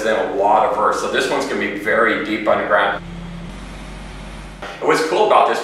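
A man's voice: on the low side, pushed and bright. A middle-aged man giving a casual, plain-spoken product walkthrough like a salesman, recorded inside an underground bunker. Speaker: bunker company owner giving a tour. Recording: echoey enclosed space, faint background noise.

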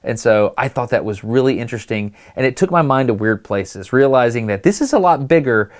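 A man's voice: mid-range voice, animated, a little fast. A man hosting and narrating in a casual, explanatory vlog style, informal and musing. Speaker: host and narrator.

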